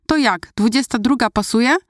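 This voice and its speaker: A woman voicing a cheerful, wisecracking male coworker in an audiobook story, excitable as he talks. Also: fairly high pitch, moderate pace, no echo, studio quality, voice pushed up, natural voice. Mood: lively joking.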